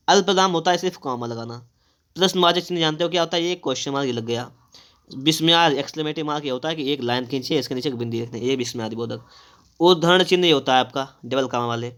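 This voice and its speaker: A man's voice: mid-range voice, fairly bright tone. A man teaching a grammar lesson for exams, explaining step by step and asking and answering his own questions. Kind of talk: exam-prep grammar lesson.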